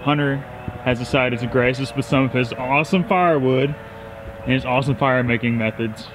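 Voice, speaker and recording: A man's voice: mid-range voice, fairly quick, background noise. A young man hosting a fishing vlog from a boat at night, chatty and upbeat as he shows off his catches. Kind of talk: casual outdoor narration. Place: small boat on a lake at night, outdoors. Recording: music mixed in clearly.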